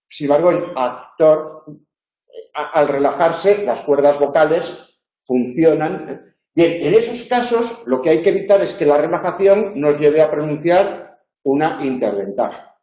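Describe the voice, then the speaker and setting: A man's voice: on the high side, warm tone. A man with a northern Spain accent, a university tutor explaining phonetics and demonstrating sounds, often checking in with his listeners. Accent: northern Spain Spanish. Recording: roomy, dull lo-fi lecture recording.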